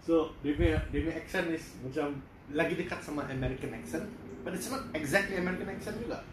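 A man's voice: fairly high pitch, very fast, a loud crowd. A man in casual podcast chat, mixing Malay and English and stumbling over his words. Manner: mixes Malay and English, stammers when explaining. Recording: roomy with background noise.

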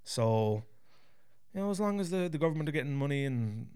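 A man's voice: a little high, animated, brisk, warm tone, clean tone. A man from County Kerry with a west of Ireland accent, chatting casually and bluntly with plenty of swearing. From County Kerry, southwest Ireland. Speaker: guest. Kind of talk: casual conversation.

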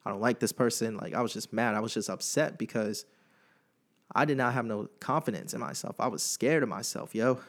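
A man's voice: lowish voice, animated, fairly quick, fairly bright tone. A young man hosting a podcast, speaking candidly and emotionally in a casual personal monologue full of slang. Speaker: podcast host.

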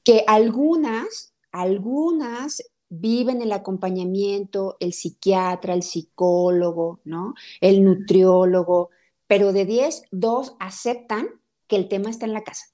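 Earnest woman, mellow voice. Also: medium pitch, slow. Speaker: therapist guest. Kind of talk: reflective personal testimony.

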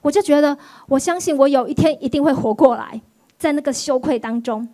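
A woman pastor, giving a sermon testimony in an animated storytelling way. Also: high voice, fairly quick. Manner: animated storytelling, acts out quoted voices.

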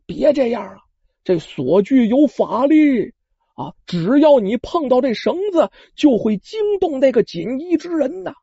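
A storyteller voicing a captive centipede king spirit, speaking low and hushed, in a storytelling performance, on a dull lo-fi recording. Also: very animated, a little slow, gravelly, husky, dry recording, exaggerated voice. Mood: urgent. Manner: hushed, low whisper-like pleading.

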